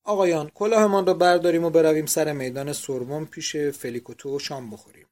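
A brisk young student urging everyone to leave in a storybook reading, as a male narrator does him. Slightly high, lively voice. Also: natural voice. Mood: cheerful.

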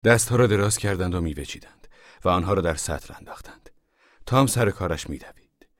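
A man narrating an audiobook in a measured, even reading. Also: low voice, no echo, studio quality.

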